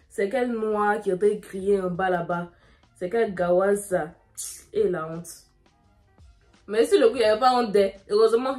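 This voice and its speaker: A young woman, telling a dramatic story in a lively way while doing her makeup. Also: mid-range voice. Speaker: beauty vlogger.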